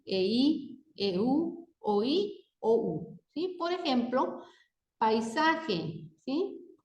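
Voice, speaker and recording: A woman's voice: on the high side, a little mellow. A woman teaching a grammar lesson. She reads example words one at a time and checks in with a rising "¿sí?" after each point. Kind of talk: slow spoken grammar lesson. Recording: echoey room.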